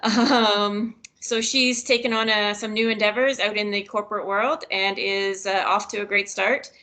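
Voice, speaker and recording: Bright-voiced woman on a video call. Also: medium pitch, steady tone, moderate pace. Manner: upbeat, giggly after a mishap. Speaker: staff manager giving team announcements. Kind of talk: casual work video call announcements. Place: home office.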